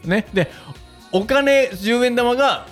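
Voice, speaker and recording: A man's voice: very high voice, takes it slowly, a bit bright, soft background music. A man hosting a radio talk show, telling a rambling story in casual chat and laughing often.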